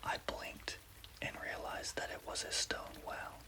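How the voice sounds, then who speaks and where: A man narrating a scary story as ASMR in an unvoiced, breathy whisper, with careful scripted delivery. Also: measured pace.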